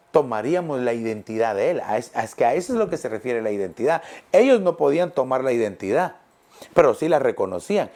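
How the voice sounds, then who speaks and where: A middle-aged male pastor preaching a sermon, emphatic, repeating phrases and slowing down on key words. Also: medium pitch, darkish tone.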